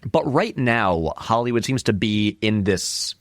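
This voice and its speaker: A filmmaker and video essayist, appearing as an interview guest, talks about film in a casual, conversational way. His lowish voice is expressive and a little slow, and he thinks aloud in a rambling manner, stressing key words. The recording is dry and studio quality.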